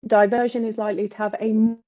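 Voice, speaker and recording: A woman's voice: fairly high pitch, level tone, quick pace. A woman chairing an online panel whose audio keeps cutting out on a bad connection. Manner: warm, eager welcoming tone. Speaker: webinar chair. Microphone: video call. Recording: dull lo-fi video call audio.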